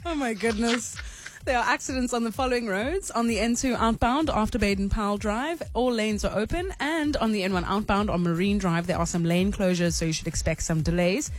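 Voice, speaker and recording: A woman's voice: medium pitch, fairly quick, few pauses. A South African woman co-hosting live radio, switching between playful banter and traffic reporting. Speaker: radio co-host and traffic presenter. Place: radio studio. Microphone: studio microphone.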